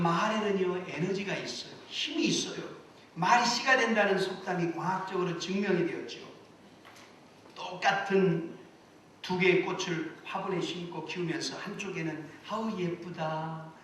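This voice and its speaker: Korean pastor type, man, slightly high voice, earnest preaching, picked up from afar in a very echoey sanctuary. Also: a bit bright, a little hiss or hum. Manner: earnest preaching, rising to emphatic exhortations. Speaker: senior pastor. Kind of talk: sermon. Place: church sanctuary. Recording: echoey church hall, mic at a distance.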